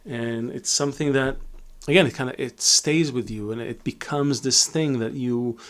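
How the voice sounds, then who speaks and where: Middle-aged man from Israel, reflective teacher in a live Q&A, halting and full of restarts, mid-pitched voice. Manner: reflective, many fillers and restarts. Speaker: Kabbalah teacher. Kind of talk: live Q&A talk.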